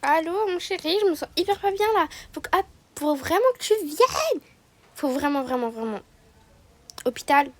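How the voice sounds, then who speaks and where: A woman's voice: fairly high pitch, normal speed, breathy edge. A woman voicing a sick young wife filming a vlog, talking weakly and tiredly, with music playing behind. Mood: pleading. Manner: weak, tired, slightly nauseous voice.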